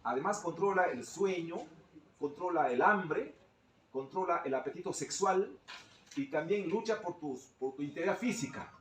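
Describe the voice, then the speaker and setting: A man's voice: on the high side, animated, normal speed, roomy sound, recorded from a distance, slight background noise, low-quality recording. A male teacher speaking up in a training session, explaining things at length and often ending phrases with a tag question.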